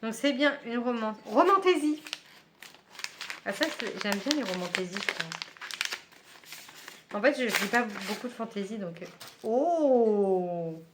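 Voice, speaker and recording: A chatty woman unboxes books at home and talks casually to her viewers. Her voice sits at an ordinary middle pitch and is full of fillers and small laughs. A faint hiss runs under the recording. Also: expressive, unhurried. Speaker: book vlogger.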